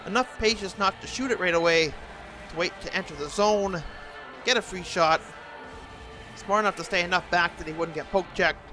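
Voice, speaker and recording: High, bright male hockey announcer impression. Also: moderate pace, soft background music, low-quality recording. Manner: announcer-style delivery, excitable on big plays. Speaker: play-by-play announcer. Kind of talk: sports announcer impression, hockey play-by-play commentary of a video game.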